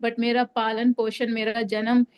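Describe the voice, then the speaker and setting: A woman's voice: fairly high pitch, flat delivery, measured pace, a little mellow, smooth. A young adult woman from Delhi giving a personal faith testimony, hesitant, with many fillers and restarts. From Delhi, India. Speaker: testimony speaker.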